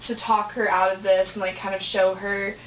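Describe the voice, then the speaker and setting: A woman's voice: medium pitch, level tone, moderate pace, a bit bright, a little hiss or hum. A young woman student teacher, answering hesitantly and thinking aloud with many likes and ums. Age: young adult. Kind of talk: casual discussion. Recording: roomy distant lo-fi recording.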